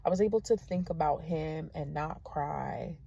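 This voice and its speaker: A young woman teacher, giving a candid vlog update straight to her viewers, often soft and subdued. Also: deep voice, normal speed, gravelly, breathy edge, dry recording.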